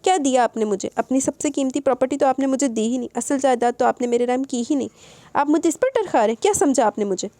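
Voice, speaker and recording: A woman's voice: high voice, dark tone, no room sound. A woman voicing a devoted young bride, emotional and tearful. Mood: impassioned. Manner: tearful, impassioned.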